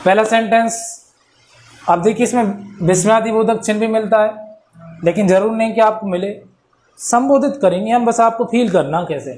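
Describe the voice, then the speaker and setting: A man's voice: sits high, normal speed, a little mellow. A man teaching a Hindi grammar lesson in a casual, playful way, acting out examples and laughing along. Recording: echoey room with faint background noise.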